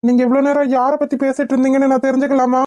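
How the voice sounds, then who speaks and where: A woman's voice: high-pitched, little pitch movement, racing, mellow, no echo, natural voice. Woman voicing a tearful, grieving cartoon husband. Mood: pleading. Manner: sorrowful, pleading. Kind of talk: Tamil cartoon voice acting.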